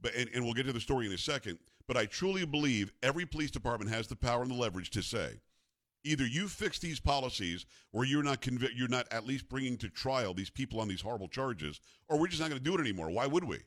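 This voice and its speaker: A man's voice: medium pitch, animated, fast, a bit bright, dry recording, clean studio sound. A man in his fifties hosting a talk radio show, teasing his co-host and then giving blunt opinions in casual banter. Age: 50s.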